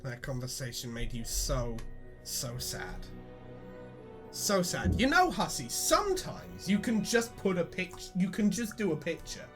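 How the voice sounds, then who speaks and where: A man hosting a casual chat while reading a webcomic, animated and swearing freely. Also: fairly high pitch, measured pace, music in the background. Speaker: host.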